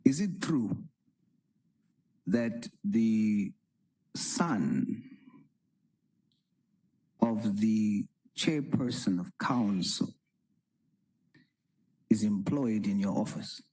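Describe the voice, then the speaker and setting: A man grills a witness at a hearing, asking slowly and insisting on answers. His voice is low and husky, with a dark tone. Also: animated, poor audio. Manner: slow, pressing, repeats his questions. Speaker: parliamentary committee member. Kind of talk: formal questioning at a hearing.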